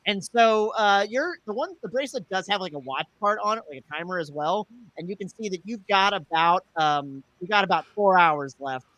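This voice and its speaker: A man narrating as game master of a tabletop role-playing podcast, halting and full of fillers. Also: sits high, sharp tone, no echo, poor audio. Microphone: podcast microphone.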